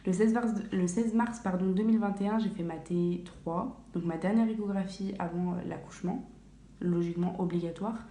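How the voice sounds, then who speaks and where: Young woman, casual vlog, rambling with fillers, mellow, echoey bathroom, faint background hum. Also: lowish voice, steady tone, moderate pace. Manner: chatty, many fillers and self-corrections. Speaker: vlogger. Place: small home bathroom.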